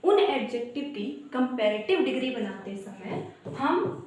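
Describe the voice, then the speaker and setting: High-voiced woman teaching in an echoey room. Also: very animated, a little slow, a little mellow. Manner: explains step by step, addresses viewers as "guys", sing-song word lists. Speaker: English grammar teacher. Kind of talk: online coaching lesson.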